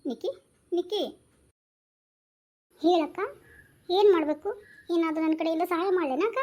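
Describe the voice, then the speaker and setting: A woman's voice: extremely high pitch, moderate pace, darkish tone, dull audio. A woman voicing a sassy teenage younger sister who talks back, with a North Karnataka Kannada accent. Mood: caring. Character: cheeky teenage younger sister, quick-tongued. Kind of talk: homemade village drama.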